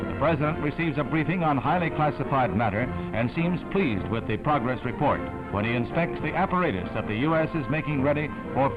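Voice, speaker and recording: A man narrating an old newsreel in a brisk announcer delivery. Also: on the high side. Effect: old newsreel sound. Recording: tinny narrow-band newsreel audio with loud music.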